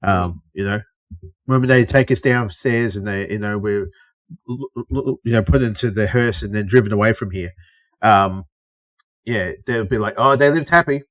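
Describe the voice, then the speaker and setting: Speaking at normal speed in a lowish voice, a middle-aged Australian man co-hosts a relaxed podcast chat. He tells stories, does other people's lines and swears casually.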